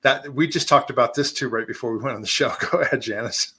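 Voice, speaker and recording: A man's voice: medium pitch, fast talker, pushed and bright, breathy edge. A man hosting a live-stream chat, reading out viewer questions and responding conversationally. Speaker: host.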